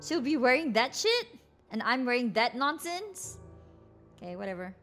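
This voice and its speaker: A woman gives casual, sweary commentary while livestreaming a game. Her voice is high and bright and moves expressively from murmurs to squeals, with faint music behind it. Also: big pitch swings, moderate pace.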